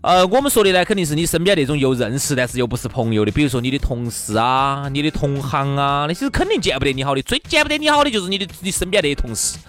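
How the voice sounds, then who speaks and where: A man's voice: on the high side, expressive, rapid-fire, few pauses, fairly bright tone. A male talk show co-host with a Sichuan accent, chatting and bantering casually in Sichuan dialect.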